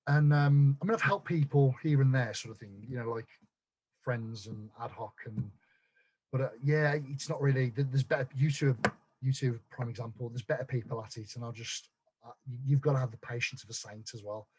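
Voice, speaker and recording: A man telling his story as a guest on a podcast, blunt and quick to swear, tripping over restarts. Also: medium pitch, darkish tone, slightly rough. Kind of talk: casual chat.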